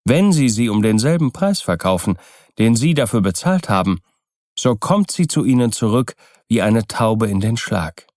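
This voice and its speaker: A sly, persuasive older seller, voiced by a male audiobook reader, speaking in a low, measured tone. Dry and close to the mic, he lays out his terms calmly. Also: dry recording. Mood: explaining. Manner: smooth, persuasive, measured explaining. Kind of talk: audiobook character voice.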